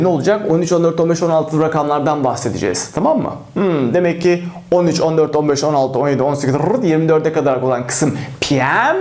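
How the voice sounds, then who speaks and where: A man's voice: fairly high pitch, darkish tone, roomy sound. A man teaching an English lesson, drilling pronunciation with repeated examples and encouraging his students. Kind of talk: language lesson.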